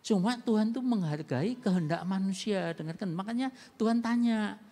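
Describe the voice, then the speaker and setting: Man, pastor, animated sermon, reverberant church hall. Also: high voice, moderate pace. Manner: animated, acts out quoted voices with sharp swings in loudness. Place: church sanctuary.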